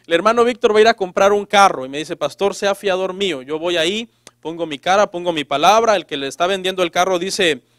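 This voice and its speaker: A man delivers a sermon in a fairly high voice, teasing his listeners with sarcastic jokes. He acts out the people he quotes in changing voices. The sound is dry, with no room echo. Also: fast, a bit bright. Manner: sarcastic, joking preacher. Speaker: pastor. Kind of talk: preaching a sermon to a congregation.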